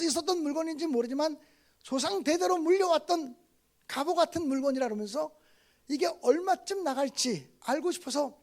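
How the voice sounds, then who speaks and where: A man in his fifties preaching at a revival meeting as a guest pastor. He tells stories, acts out family dialogue, and swings between loud outbursts and soft asides. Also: extremely high pitch. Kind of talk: revival sermon.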